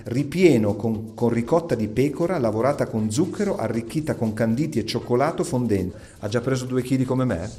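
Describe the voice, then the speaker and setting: A man's voice: mid-range voice, lively intonation, brisk, few pauses, warm tone. A man hosting a radio quiz in speech, chatty, teasing and encouraging with his guests. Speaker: radio quiz show host. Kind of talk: playful live quiz interview.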